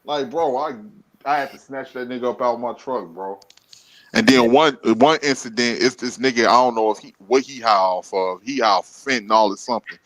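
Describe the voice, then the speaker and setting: Man, casual storytelling, animated, middle pitch, dry close sound. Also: normal speed, no echo, rough recording. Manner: animated, rises loud and high when acting out confrontations. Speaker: podcast co-host.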